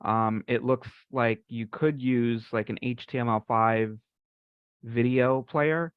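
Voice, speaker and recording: On a software community group call, a man casually explains something technical in a polite, tentative way. His mid-range voice is clean, steady and slow, with no echo, though the online call audio sounds dull and band-limited.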